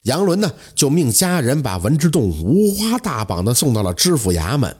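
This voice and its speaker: Husky, animated male storyteller. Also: mid-range voice, normal speed. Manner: dramatic, lively storyteller, exclamatory asides. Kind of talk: traditional oral storytelling.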